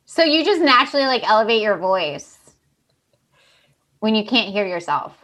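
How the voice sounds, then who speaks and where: A woman co-hosting a podcast, chatting and reading stories aloud in an animated way with chatty asides. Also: mid-range voice, moderate pace. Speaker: podcast co-host.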